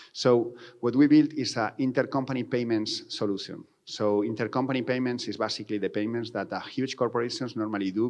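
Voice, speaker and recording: A company founder, a man with a low-pitched voice and a Spanish accent, gives a conference presentation in non-native English, rewording his phrases as he goes.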